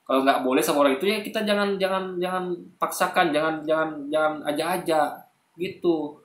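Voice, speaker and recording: Excitable man talking in an echoey room. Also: on the high side, fairly quick, slight background noise. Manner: animated, argumentative, often addresses listeners as "guys"; frequent fillers and self-corrections. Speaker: online commentator. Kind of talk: casual spoken commentary to viewers.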